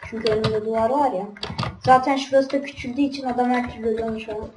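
A woman's voice: on the high side, fairly even intonation, racing. A woman giving casual let's-play commentary, grumbling and easily frustrated while talking straight to her viewers. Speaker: gaming channel host. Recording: roomy, distant mic with background noise.

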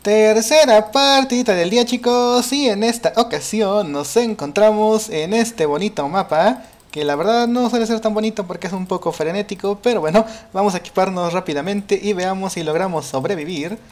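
A man talks through a game as he plays. He is chatty and excitable, breaking into exclamations and laughs as the action unfolds. He addresses his viewers casually, like a regular gaming video creator. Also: sits high, moderate pace. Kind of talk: casual gameplay commentary.

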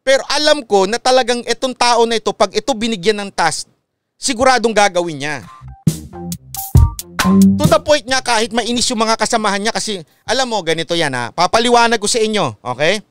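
Animated man, lively pitch. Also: fairly quick, over music. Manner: animated, repeats points, asks listeners "okay?". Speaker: online commentary host. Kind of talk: casual live-stream commentary.

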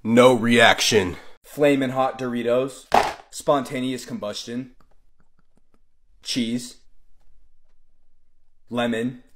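A man doing terse food challenge commentary, naming items in short, clipped phrases with a deadpan delivery. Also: mid-range voice, extremely slow, long pauses. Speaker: food challenge video creator.

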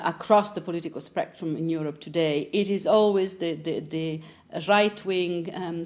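A woman, answering interview questions in an animated, discursive way in a TV studio. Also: on the low side. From Italy. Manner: animated, gesturing, frequent restarts. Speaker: interviewee, philosopher. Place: TV studio with curtain backdrop.

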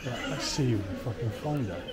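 A man's voice: mid-range voice, animated, moderate pace, a loud crowd. A middle-aged man chatting to the camera as he walks, filming a casual travel vlog in city streets and a busy indoor market. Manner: chatty, talks to camera while walking. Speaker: vlogger. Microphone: camera held at arm's length. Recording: loud street and market noise.

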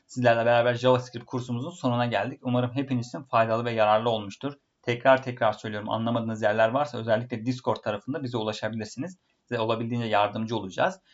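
A man teaching a programming course, talking to viewers in a friendly way, his voice fuzzy and distorted from a built-in laptop microphone. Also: mid-range voice. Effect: distorted fuzzy sound. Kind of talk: online coding lesson wrap-up. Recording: dull lo-fi fuzzy laptop mic.

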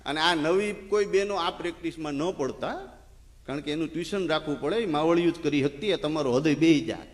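A male folk comedian, telling an animated comic story on stage and acting out villagers' voices. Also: on the high side, brisk, in a large hall, a little hiss or hum.

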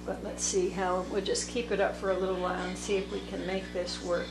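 A woman teaching watercolor, thinking aloud slowly as she paints at a table. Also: on the low side, flat delivery, creaky. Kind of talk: unscripted painting tutorial narration. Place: indoor table workspace. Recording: echoey room with background music. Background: soft instrumental music.

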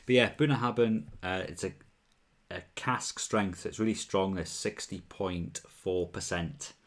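A young man from Wales with a mild Welsh accent and a deep, low voice hosts a whisky livestream from a small room at home, bottles lined up on a shelf behind him. Unhurried and relaxed, he chats easily and responds to viewers' comments as they arrive, talking into a wired earphone mic.

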